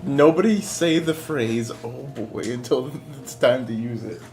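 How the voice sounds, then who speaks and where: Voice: mid-range voice, a little slow, darkish tone. A tabletop game player who banters with the group, laughing often and stammering through restarts. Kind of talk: casual tabletop game chat. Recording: echoey room, faint music.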